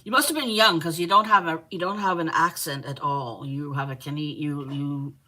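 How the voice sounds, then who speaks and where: A middle-aged woman from Manitoba, Canada, hosts a live crochet stream, chatting casually and reading viewer comments aloud while teasing and laughing often. Her voice is low and sharp in tone, at a normal speed.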